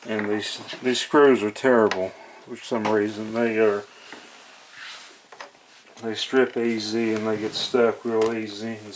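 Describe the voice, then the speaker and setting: In a rough recording full of background noise and clicks, a hobbyist with a fairly low male voice casually narrates an electronics repair he's demonstrating. His unscripted talk is folksy and hesitant as he thinks out loud.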